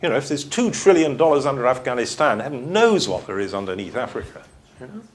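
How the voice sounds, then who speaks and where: A man's voice: mid-range voice, big pitch swings, fast. A man with a British accent giving a university lecture and answering audience questions in a conversational way, thinking aloud with restarts.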